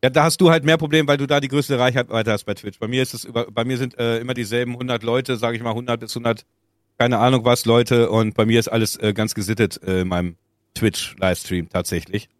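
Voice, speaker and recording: Man talking haltingly, dry close sound. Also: medium pitch, steady tone, dry recording. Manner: halting, many restarts. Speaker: podcast co-host and streamer. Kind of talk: casual chat.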